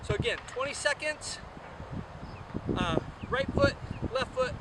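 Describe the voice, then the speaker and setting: A man's voice: extremely high pitch, huge pitch swings, measured pace. A man coaching youth soccer, out of breath, explaining drills step by step outdoors. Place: outdoor field. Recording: distant mic, loud wind and traffic noise.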